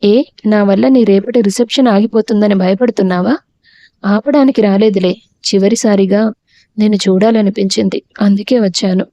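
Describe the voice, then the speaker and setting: A woman's voice: mid-range voice, fairly even intonation, moderate pace, warm tone, no room sound, highs cut off, close to an everyday voice. A woman voicing a hurt, pregnant young wife who speaks in bitter reproach in an audio story.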